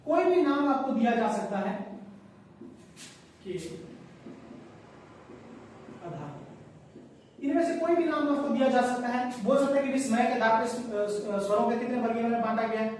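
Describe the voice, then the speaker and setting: A man's voice: extremely high pitch, normal speed, long pauses, a little mellow. A male Hindi grammar teacher giving a classroom lecture. He repeats key points and quizzes his listeners. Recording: very echoey room, distant mic, faint hiss.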